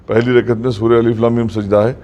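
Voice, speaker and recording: A man teaching a mosque class on Quran recitation. He explains the rules patiently, checks that students follow, and recites verses slowly as examples. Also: medium pitch, little pitch movement, warm tone, dull audio. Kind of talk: classroom lesson.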